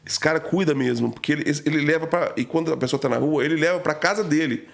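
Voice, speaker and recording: Gravelly fast-talking man telling stories. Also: on the high side. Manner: slangy, emotional, packed with fillers. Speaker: podcast guest. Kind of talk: casual storytelling.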